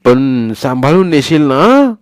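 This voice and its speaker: A man voicing a kind, trusting old village grandmother who is hard of hearing and talks slowly and loudly. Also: mid-range voice, very animated, no room sound, studio quality, pitched above the performer's own voice. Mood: fussing. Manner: slow, loud, drawn-out and fussing.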